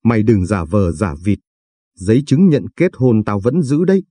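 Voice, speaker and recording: A man's voice: lowish voice, very animated, normal speed, mellow, breathy edge, no echo, studio quality. A man doing a coarse, bullying young husband. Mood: threatening. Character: brash, menacing young husband from the countryside.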